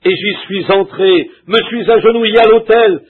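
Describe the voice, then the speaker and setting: A man's voice: high-pitched, normal speed, husky. A man delivering a sermon in a fervent, pleading preaching manner. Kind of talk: French dubbed reading of a sermon. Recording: tinny, narrow lo-fi tape sound.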